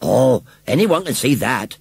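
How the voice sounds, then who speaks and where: A blustering angry farmer in a storybook, voiced by a man, loud, raised and husky. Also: on the high side, sing-song, brisk, no echo, voice pushed up, full character voice. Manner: roaring, blustering. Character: gruff angry male farmer.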